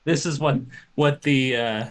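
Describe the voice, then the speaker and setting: A man playing a tabletop game, explaining his moves in a halting way with frequent restarts. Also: medium pitch, rough recording. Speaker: player. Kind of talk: casual tabletop game talk.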